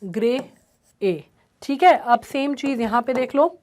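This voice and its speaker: Woman teacher with a high voice, explains a poem step by step and keeps checking in with her students. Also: expressive, a little slow, a little mellow. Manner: repeats "ठीक है" often, mixes English terms into Hindi.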